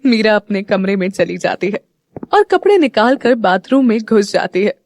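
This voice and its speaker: A woman narrating an audio story in a steady, even storytelling manner. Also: mid-range voice, normal speed, no echo, studio quality.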